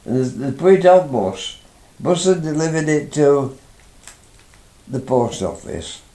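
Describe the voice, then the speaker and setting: A man's voice: a little high, animated, a little slow, warm tone, reverberant. An older man from England, telling a rambling, chatty fishing anecdote from his youth, with frequent restarts. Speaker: interviewee, father recalling his youth. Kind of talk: anecdotal storytelling.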